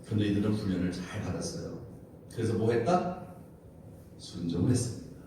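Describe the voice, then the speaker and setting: A man, a pastor, preaching a Wednesday prayer service sermon, asking the congregation questions and telling the story with animation. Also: lowish voice. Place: church sanctuary. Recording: very echoey church, distant mic, faint hiss.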